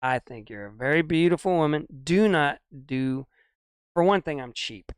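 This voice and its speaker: A man's voice: on the high side, expressive, moderate pace, smooth, no echo, studio quality. An older man co-hosting a casual couch chat, rambling and grumbling his opinions. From United States. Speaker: co-host.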